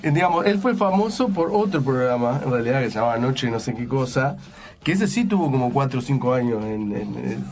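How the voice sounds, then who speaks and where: A man's voice: mid-range voice, animated, brisk, a little mellow. A man hosting a casual radio chat, rambling with restarts and frequent laughter. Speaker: radio host.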